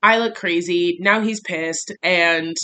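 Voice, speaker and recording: A woman talks straight to camera in a confessional diary vlog, her tone bright and forceful. She rambles candidly, filling her talk with "like", and her voice climbs and hurries when she gets agitated. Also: on the low side. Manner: candid, rambling, heavy use of "like"; voice rises and quickens when agitated. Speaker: vlogger.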